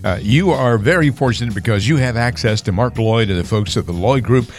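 A man's voice: medium pitch, brisk, soft background music. A man co-hosting a radio finance show, reading out the call-in number and asking the host questions in a friendly announcer tone. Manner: friendly announcer tone, reads phone numbers, asks prompting questions. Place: radio studio. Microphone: studio mic.

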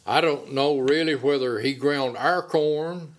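A man's voice: fairly high pitch, unhurried. Older Appalachian man, folksy talker. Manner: folksy rural phrasing. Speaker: interviewee recalling childhood. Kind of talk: casual oral-history reminiscence.

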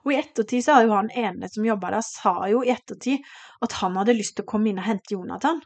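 A middle-aged woman shares a painful memory as a podcast host, her telling emotional and animated. She acts out what each person said as she goes. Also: mid-range voice. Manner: emotional, animated retelling with quoted dialogue. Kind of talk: personal storytelling.

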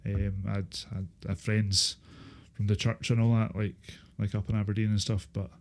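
A Scottish man in his thirties recalling his life in a casual interview, speaking haltingly with repeated filler phrases. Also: on the low side, flat delivery, a little mellow. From Inverness, Scotland. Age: 30s. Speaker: interview guest, former supported-housing tenant. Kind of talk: casual interview, personal recollection.

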